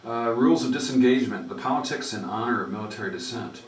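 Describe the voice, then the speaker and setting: A man working as a public radio host, interviewing conversationally in halting, rambling phrases. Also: mid-range voice. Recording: roomy, distant, noisy radio interview.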